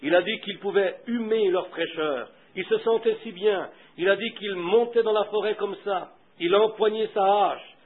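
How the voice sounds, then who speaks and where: A high-pitched man preaches a sermon, moving from quiet storytelling to fervent, loud appeals. The old recording is thin and tinny, as if heard over a phone line. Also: normal speed, hardly any pauses. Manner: fervent, swings from hushed to loud.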